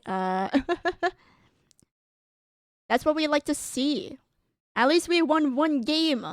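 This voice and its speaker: A giggly woman streamer rambles through her sign-off with a strained, tired voice. Her voice sits fairly high, slow and unhurried, smooth and clear. The sound is close and dry, with no room around it. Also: no echo. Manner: giggly and rambling, with frequent laughs and fillers. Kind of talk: casual stream sign-off chat.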